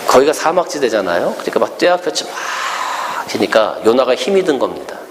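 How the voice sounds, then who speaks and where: Animated pastor preaching in a hall. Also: male voice, on the low side, a little hiss or hum. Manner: animated, acts out the characters' words. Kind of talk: storytelling sermon.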